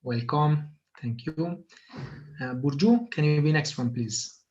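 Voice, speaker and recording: Over muffled, lo-fi video call audio, a meeting host speaks hesitantly and fills his speech with filler sounds. He talks slowly in a voice on the high side with a darkish tone.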